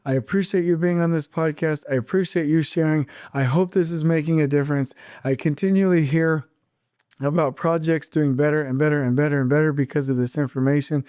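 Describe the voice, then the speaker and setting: A man's voice: on the high side, fairly even intonation, fairly quick, a little mellow, smooth, no echo, clean studio sound. A man hosting his own podcast, talking alone with strong feeling, repeating words for emphasis and restarting his sentences as he goes. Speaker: podcast host. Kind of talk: solo podcast monologue.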